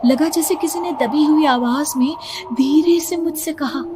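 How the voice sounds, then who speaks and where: A woman's voice: high-pitched, a little slow, over music. A woman narrating a first-person horror story in a dramatic, tense storytelling manner.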